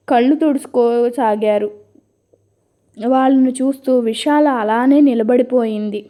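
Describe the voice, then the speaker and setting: A woman narrating a dramatic story with expressive, storybook delivery. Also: fairly high pitch.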